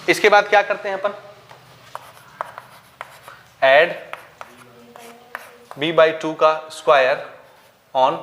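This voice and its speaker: A man's voice: fairly high pitch, a bit bright, a little hiss or hum. A male maths teacher with a Chhattisgarh Hindi accent, explaining each step and asking the class questions that he then answers himself. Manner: mixes English maths terms into Hindi. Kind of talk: board-style maths lesson.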